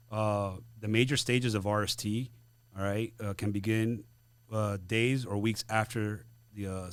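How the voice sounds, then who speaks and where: A man hosting a podcast, explaining in a conversational way and often pausing on fillers. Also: fairly low pitch, no room sound. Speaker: podcast host.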